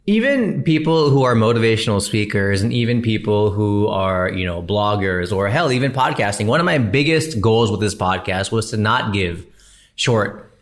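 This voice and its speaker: A man's voice: lowish voice, animated, normal speed. A man in his thirties hosting a podcast, talking casually and answering a listener in a chatty, slangy way. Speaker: podcast host and comedian.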